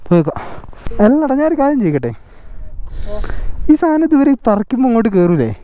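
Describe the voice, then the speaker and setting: A man's voice: extremely high pitch, very animated, a little fast, mellow, muffled recording. A young man gives casual riding commentary, mixing English words and slang into his Malayalam. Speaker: motovlogger. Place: outdoors on a motorbike ride. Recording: outdoor vehicle and ambient noise.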